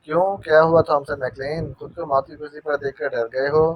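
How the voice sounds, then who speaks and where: A man's voice: a little high, fairly even intonation, brisk, dry recording, lightly acted. A man voicing a male spy who mocks his captive with silly, teasing wordplay, in an audio novel. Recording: dull dry narration recording.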